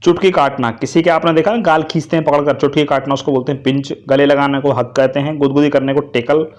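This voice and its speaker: Man, English teacher, vocabulary lesson, slightly high pitch, quizzes the listener. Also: fairly even intonation, fast talker, darkish tone. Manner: addresses students directly, repeats answers as quiz questions.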